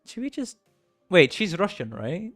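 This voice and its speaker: A man's voice: sits high, big pitch swings, unhurried, no echo, faint music behind. Chatty man streaming a game. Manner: chatty, laughs often, stumbles over words. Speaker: livestreamer. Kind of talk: casual game stream, reading dialogue aloud.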